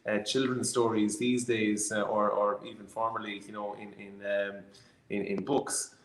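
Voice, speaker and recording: A man with a west of Ireland accent speaks in a fairly low voice, in a roomy, echoey space. He tells stories in a reflective, conversational way, pausing and feeling for his words. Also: little pitch movement. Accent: Irish, west of Ireland. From Galway, Ireland. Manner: hesitant, reflective storytelling with many pauses. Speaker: distillery founder being interviewed. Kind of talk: conversational storytelling.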